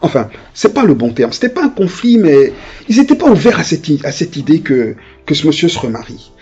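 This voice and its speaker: A man's voice: on the high side, sing-song, brisk, a little mellow, husky, highs cut off, faint music behind. A man preaching a conversational sermon as pastor. He hesitates and restarts often and acts out the voices of people in his stories.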